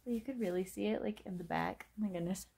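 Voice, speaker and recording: A woman's voice: medium pitch, fast, mellow. Woman in her twenties, late-night chatty vlogger, wandering and self-deprecating. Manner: rambling, self-mocking, many fillers. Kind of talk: casual late-night chat vlog.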